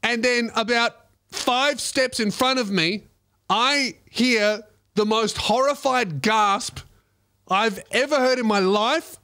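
A young man, a comedian host, telling a profane, self-mocking comedy story with animated delivery. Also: very high voice, takes it slowly.

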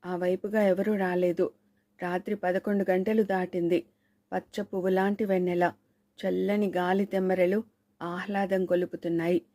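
Woman audiobook narrator, measured suspenseful reading, warm mellow voice, dry close mic. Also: fairly low pitch, flat delivery, no echo. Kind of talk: scripted novel narration.

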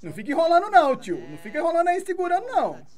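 A Brazilian woman streaming a football video game, commenting live in an excitable, taunting way and swearing often. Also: very high voice, very fast, a crowd in the background. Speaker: gaming streamer.

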